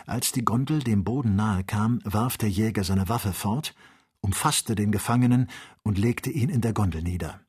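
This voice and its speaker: A man reading an adventure novel aloud as an audiobook, with measured, expressive storytelling. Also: fairly low pitch, slightly rough. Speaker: audiobook reader. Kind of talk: scripted audiobook narration.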